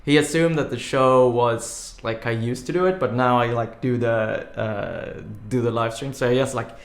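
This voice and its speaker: A mid-range male voice at normal speed carries a casual, rambling live coding stream, heavy on "like" fillers and quick to laugh. The setting is a room at home, and the sound is echoey.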